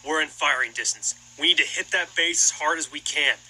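A man voicing a stern plastic toy army sergeant who barks commands at his men in an animated war short. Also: fairly high pitch, fairly quick, a little hiss or hum, rough recording. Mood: commanding. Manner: barking commands.

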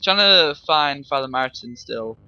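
A man's voice: medium pitch, animated, measured pace, muffled recording, faint music behind. Jumpy young man playing a horror game. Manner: jumpy, swearing, laughing, yelling when startled. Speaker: gameplay commentator. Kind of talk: let's play commentary.

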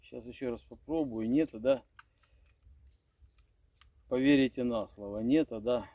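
A middle-aged man casually narrates his fishing trip by a river, chatting, stumbling, and muttering to himself into a phone at arm's length. His medium-pitched voice is gravelly and warm, with big pitch swings and a slightly slow pace, and the audio is dull with no echo.

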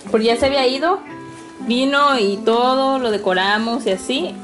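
A young Mexican woman vlogging at home, talking warmly to her viewers and laughing easily. Her voice sits a little high. Clear background music runs under her chatter. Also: moderate pace. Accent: Mexican Spanish. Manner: chatty, affectionate, laughs often. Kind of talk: casual home vlog narration. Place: home indoors.

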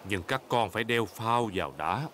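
A man's voice: lowish voice, expressive, moderate pace, heavy background noise, lightly acted. A man voicing a good-natured, confident but bumbling father pig in a children's cartoon, breezy and reassuring. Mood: cheerful, reassuring. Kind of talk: animated children's cartoon dub.

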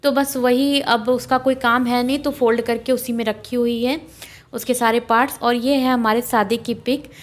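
Young woman, higher voice, chatty and homely, handheld phone recording, walking through a small flat. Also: normal speed. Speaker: home vlogger. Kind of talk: casual house tour narration. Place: small rented flat, indoors and on balcony. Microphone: phone camera held while walking.

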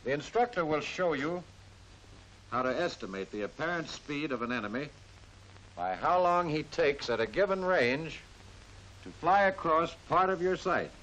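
A man with an American accent narrates in the scripted style of a mid-century military training film. His voice sits a little high, and his phrasing is formal, measured and instructive. The old film soundtrack adds a light hiss. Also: lively intonation, a bit bright. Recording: hissy, noisy vintage film soundtrack.

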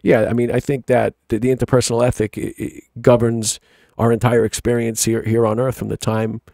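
Man, Long Island accent, middle-aged, gravelly, fast, rambling podcast co-host. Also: mid-range voice, flat delivery, darkish tone, dry recording, clean studio sound. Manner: rambling, restarts often, reflective. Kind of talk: casual book club chat.

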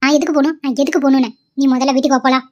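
A woman voicing a pushy middle-aged cartoon mother who scolds her daughter harshly. The voice is high and fast, and the recording is dull and lo-fi. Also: steady tone, lightly acted. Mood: scolding. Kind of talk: cartoon voice acting.

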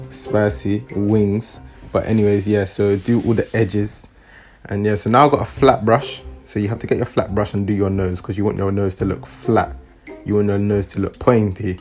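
A man's voice: fairly low pitch, little pitch movement, a little fast, a little mellow. A man doing a casual, playful, repetitive mock makeup tutorial over music. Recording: background music.

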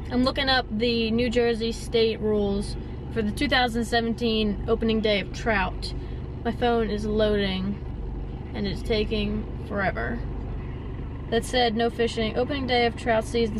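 A young woman vlogging from inside her car, chatty and exasperated as she rants. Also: fairly high pitch. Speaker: fishing vlogger. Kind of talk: casual vlog rant. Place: inside a parked or driving car. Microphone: camera mounted or handheld in car. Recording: noisy car and street ambience.

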